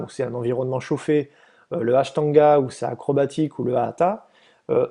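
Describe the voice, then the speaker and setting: A man's voice: medium pitch, gravelly, warm tone. A man giving a casual, explanatory slide presentation to volunteers, hesitant, with many fillers and restarts.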